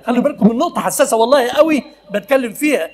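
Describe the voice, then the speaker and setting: A man's voice: very high voice, animated, very fast. A male preacher with an Egyptian accent giving a conversational sermon, often asking his listeners questions and laughing as he talks. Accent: Egyptian Arabic.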